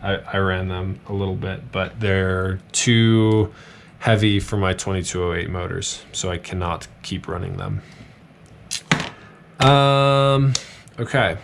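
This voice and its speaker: A man's voice: sits low, vocal fry, slight background noise. A man chatting casually on a live stream while building drones, rambling with fillers, his voice tired from hours of talking. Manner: relaxed, rambling, many fillers and pauses. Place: home workbench.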